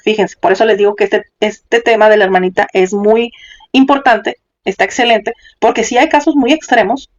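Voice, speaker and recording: A man's voice: high voice, highs cut off. A man hosting a question-and-answer show, giving affirming pastoral advice and explaining things step by step. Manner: affirming, calls the caller sister, explains step by step. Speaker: host and counselor.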